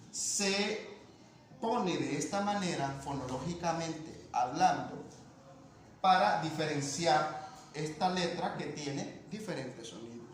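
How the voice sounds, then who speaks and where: A man teaching a language lesson, explaining patiently and checking in with his students. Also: on the high side. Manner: patient, repeats points and asks ¿verdad?. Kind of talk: classroom lesson explaining phonetics. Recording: echoey room with faint noise.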